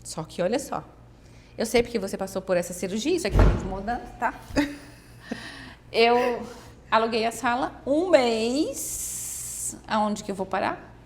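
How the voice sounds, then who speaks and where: A woman tells a personal faith story in a lively conversational way. Her voice sits fairly high, and she acts out other people's words as she goes. A faint hiss of background noise runs under the recording. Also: a little slow, long pauses. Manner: animated storyteller, quotes others often. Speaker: guest. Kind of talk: casual testimony in a faith conversation.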